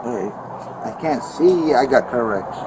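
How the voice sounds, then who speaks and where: A man's voice: fairly high pitch, very animated, unhurried, vocal fry. A man who was attacked tells a police officer what happened, outdoors by a road, repeating himself and sounding agitated. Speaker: assault victim. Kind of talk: talking to police. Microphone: police body camera. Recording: bodycam audio, street noise.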